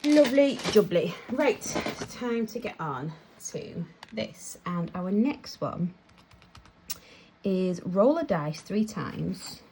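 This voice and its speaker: A woman's voice: fairly low pitch, animated, drawn-out words, noisy background. A young British woman chatting casually and rambling as she counts and sorts her cash. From United Kingdom. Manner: chatty, rambling, self-laughing. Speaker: vlogger.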